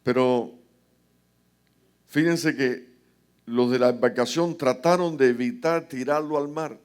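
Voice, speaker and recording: Male pastor, mid-pitched voice, impassioned sermon delivery, dramatic retelling of scripture. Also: measured pace, smooth. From Cuba. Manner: rhetorical asides to the congregation.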